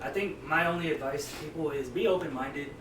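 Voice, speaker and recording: A man's voice: a little high, a little fast, distant mic. A man hosting a casual group chat, loose and encouraging, swearing freely. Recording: roomy, off-mic, noisy room.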